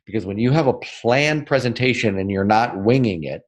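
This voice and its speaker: Speaking at a medium pitch, a northern American man teaches sales technique while being interviewed on a podcast. Energetic and emphatic, he repeatedly asks "right?" and alternates between faster and slower delivery for emphasis.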